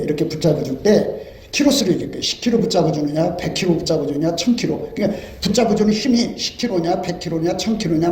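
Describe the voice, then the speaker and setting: A man preaching an impassioned sermon in a high, mellow voice. He acts out pleading prayers as he goes, and the room around him is echoey. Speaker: pastor. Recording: roomy echo.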